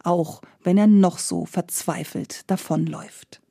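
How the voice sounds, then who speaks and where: A woman's voice: on the low side, steady tone, a little slow, creaky, warm tone, no echo, clean studio sound. A woman voicing Death disguised as an old male carter who wails and pleads, then gloats. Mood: gloating.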